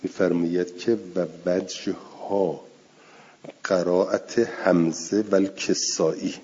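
A man's voice: deep voice, fairly even intonation, warm tone, slightly rough. A man teaching a lecture class, explaining recitation rules step by step and repeating his examples. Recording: dull lo-fi recording.

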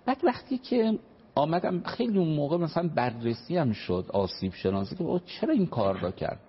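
A man's voice: on the high side, big pitch swings, breathy edge. A man, a family counselor explaining parenting on a radio talk show, earnest and full of examples. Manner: earnest, explanatory, uses examples and polite formal phrases. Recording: dull lo-fi radio broadcast.

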